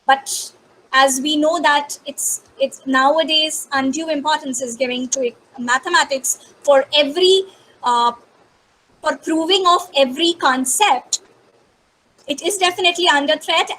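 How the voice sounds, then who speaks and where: A woman's voice: sits high, normal speed, sharp tone, poor audio. A woman, a guest lecturer giving thoughtful answers in a webinar Q&A over a video call.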